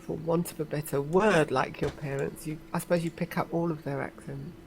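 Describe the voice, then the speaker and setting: A woman's voice: deep voice, steady tone, fairly quick. A woman from Essex with a well-rounded, slightly posh English accent, chatting casually. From Essex, England. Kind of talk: casual chat. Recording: clear background noise, online voice chat.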